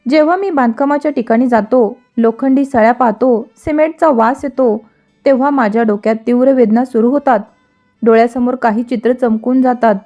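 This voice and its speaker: A woman's voice: fairly high pitch, normal speed, dark tone, soft background music, natural voice. A woman voicing a troubled young man with lost memories. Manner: hesitant, searching.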